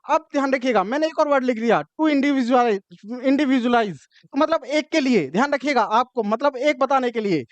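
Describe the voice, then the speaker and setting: A man's voice: very high voice, animated, fairly quick, few pauses, no echo, dull audio. A male teacher, explaining grammar step by step and often checking that his students have understood. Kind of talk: classroom grammar lesson.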